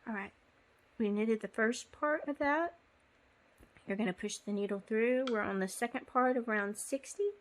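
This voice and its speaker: A woman's voice: a little high, moderate pace. A woman giving a casual step-by-step knitting tutorial, chatty and apologetic, with frequent ums. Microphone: phone.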